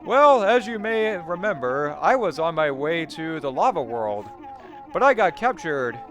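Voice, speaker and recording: A man voicing a friendly old camel, reading the game's dialogue slowly. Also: on the high side, sing-song, fairly bright tone, faint music behind, voice pushed up. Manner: slow, drawn-out reading of game dialogue.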